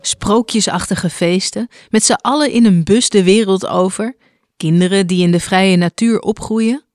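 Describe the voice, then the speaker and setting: A documentary narrator and interviewer speaking in a calm, measured way. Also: medium pitch, no echo.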